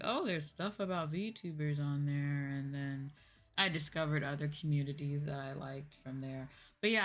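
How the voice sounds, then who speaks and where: A woman with a low, slightly bright voice chats casually and candidly with her viewers as a streamer and VTuber host. She rambles conversationally and rants, swearing along the way.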